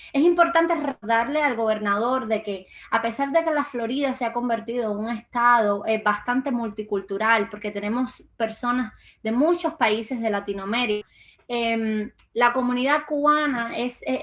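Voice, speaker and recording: A woman's voice: a little high, a bit bright. A young woman from Cuba, a guest in a political interview, speaking with frequent fillers and restarts. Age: young adult. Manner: hesitant, many fillers and restarts. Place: lives in Florida.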